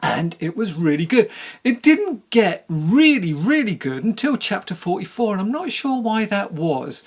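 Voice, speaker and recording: In a very animated but measured delivery, this person reviews a book casually on camera. The voice is medium-pitched and creaky, and the talk is candid, rambling and conversational.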